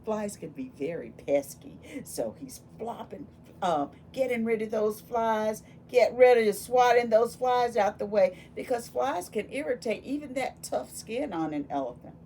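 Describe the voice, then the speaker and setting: A volunteer reads a picture book to children in a high-leaning voice with very animated intonation, taking her time at a measured pace. She addresses the kids directly with exclamations, questions, and asides. Steady, faint background noise is present.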